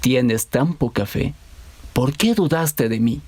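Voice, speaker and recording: A man voicing a calm, gentle grown man in a children's Bible story, speaking softly and slowly. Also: medium pitch, no room sound. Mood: reassuring.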